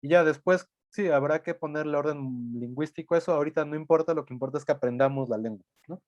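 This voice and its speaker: A man's voice: a little high, fast talker, a little mellow, no room sound. Dry-voiced man lecturing. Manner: explanatory, thinks aloud, frequent tag questions. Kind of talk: recorded lecture.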